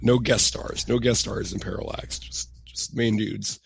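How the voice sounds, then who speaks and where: A man's voice: on the low side, steady tone, unhurried, vocal fry, breathy edge, no echo. A congested man with a rattly, phlegmy, chesty voice, chatting casually and dryly as a podcast co-host.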